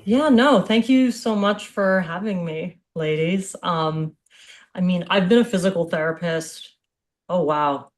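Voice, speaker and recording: On a video call, a middle-aged woman from Hawaii, United States, speaks as a physical therapist in a slightly low-pitched voice. Her manner is relaxed, open and chatty.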